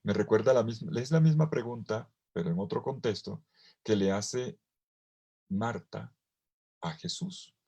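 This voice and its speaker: A priest preaching a sermon at a virtual retreat, acting out the quoted lines with dramatic emphasis. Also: male voice, lowish voice, unhurried, creaky, dark tone, husky.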